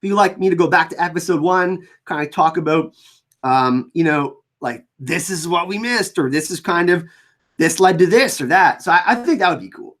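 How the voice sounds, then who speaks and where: A person with a French Canadian accent hosting a casual livestream, chatting informally and reading out viewer comments, often halting and repeating words. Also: mid-range voice, a bit bright. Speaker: livestream host.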